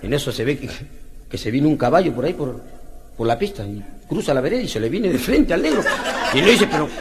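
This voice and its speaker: Animated Peruvian man telling jokes. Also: fairly high pitch, quick pace. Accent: Peruvian Spanish. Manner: animated, slangy, laughing at his own jokes. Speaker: comedian. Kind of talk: stand-up joke telling. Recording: noisy lo-fi recording with clicks.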